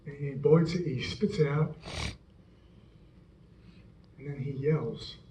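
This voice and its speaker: A man's voice: medium pitch, mellow, slight background noise, lightly acted. A man playing an awed, stammering Roman centurion. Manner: halting, stammering retelling. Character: earnest Roman centurion soldier, awed eyewitness. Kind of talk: church stage monologue. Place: church hall. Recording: echoey hall, dull sound, faint music.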